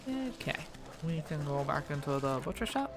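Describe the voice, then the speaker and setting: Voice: mid-range voice, very animated, normal speed. A gamer giving casual, rambling let's-play commentary, laughing often and reading game text aloud, with game music behind. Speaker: gamer, channel host.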